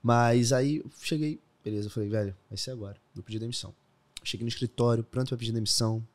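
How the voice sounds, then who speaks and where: A guest trader in his twenties tells stories during a casual podcast interview, laughing often and dropping the word "velho." He has a Brazilian Portuguese accent and talks fast in a steady, slightly mellow mid-range voice.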